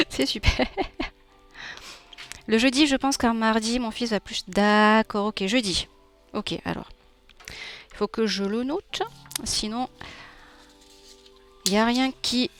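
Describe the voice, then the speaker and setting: A young woman with a southern French accent from Nîmes, chatting casually with her viewers while drawing on a live stream, laughing often. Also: a little high. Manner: chatty, warm, laughs often, reads chat aloud. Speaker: streamer and illustrator.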